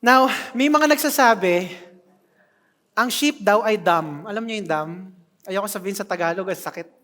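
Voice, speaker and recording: Animated preacher with hall reverb. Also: medium pitch, normal speed. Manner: animated, joking with the congregation. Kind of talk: sermon. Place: church hall. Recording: long reverb of a church hall.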